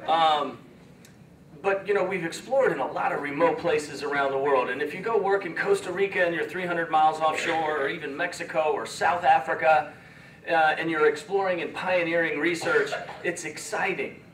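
A man leading an expedition gives an earnest, halting, emotional speech to schoolchildren, recorded from far off in a large room. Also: fairly high pitch, steady tone, a bit bright, a little hiss or hum. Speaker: expedition leader. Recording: echoey room from far off, faint ambience.

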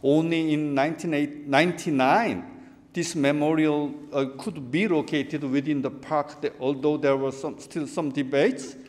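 A man's voice: fairly high pitch, unhurried. Lecturing man in a reverberant hall. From South Korea. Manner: animated, gesturing at a lectern, frequent restarts. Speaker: keynote speaker. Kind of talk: academic lecture. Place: large conference hall. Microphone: lectern microphone.

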